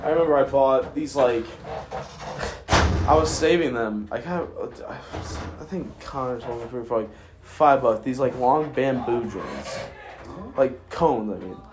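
A man's voice: medium pitch, unhurried, background noise. A young man casually telling stories like a frat bro, swearing and padding sentences with filler slang. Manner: frat-bro slang, heavy use of "like", profane. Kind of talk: casual storytelling. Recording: echoey room.

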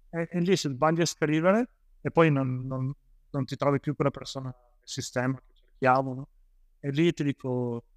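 A man's voice: medium pitch, no echo, studio quality. A man from Italy, a police officer, telling his story as an interview guest in a rambling way with many fillers and restarts.

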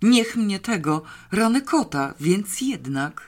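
An audiobook reader voicing a skeptical, excitable young boy who grumbles and exclaims. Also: medium pitch, unhurried. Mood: amazed. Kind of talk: audiobook character voice.

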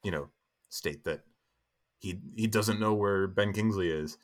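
Low-voiced man rambling about movies. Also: measured pace. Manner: rambling, many fillers and restarts. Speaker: podcast co-host. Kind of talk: casual film discussion.

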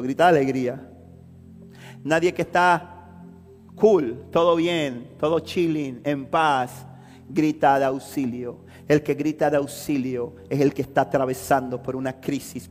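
A man's voice: mid-range voice, darkish tone, long reverb tail. A man preaching a sermon as a pastor, repeating phrases with rising fervor.

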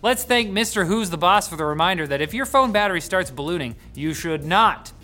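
A tech news host reading scripted headlines with jokey, sarcastic asides, swinging from loud bursts to hushed mutters. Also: mid-range voice, expressive, brisk, soft background music.

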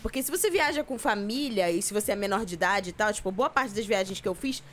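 A woman's voice: mid-range voice, lively intonation, fast, fairly bright tone, a little hiss or hum. A woman in casual podcast chat, talking things through at length. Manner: reflective, explains at length.

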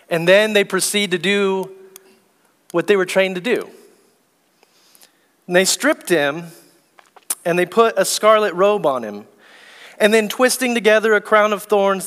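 Male preacher, high voice, slow deliberate delivery, long church reverb. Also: a bit bright. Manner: slow, deliberate preaching, reads scripture aloud. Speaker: pastor. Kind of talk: sermon. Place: church sanctuary.

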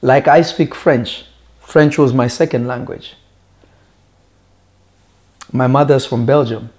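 A native Lingala-speaking man preaches in a conversational, teaching style, using emphatic, deliberate phrasing and rhetorical questions. His voice is medium in pitch with a darkish tone.

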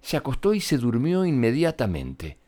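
A male storyteller reading a tale aloud for children. His voice rises and falls with lively pitch, and he speaks directly to his young listeners. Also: normal speed. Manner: animated and expressive, addressing children.

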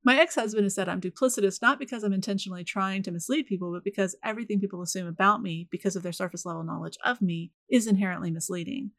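Southern woman, soft voice, dry and direct podcast host, close dry mic. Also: medium pitch, fast, few pauses, no echo. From rural northern Florida, US. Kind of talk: scripted solo podcast monologue.

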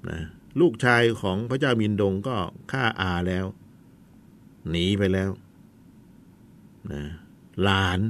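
A man teaching a history lesson in a chatty storytelling way, with asides to his students. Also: on the low side.

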